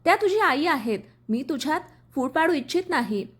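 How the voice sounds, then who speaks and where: A woman's voice: sits high, very animated, normal speed. A woman voicing a hurt, shy young wife in a storybook reading, speaking tearfully and hesitantly.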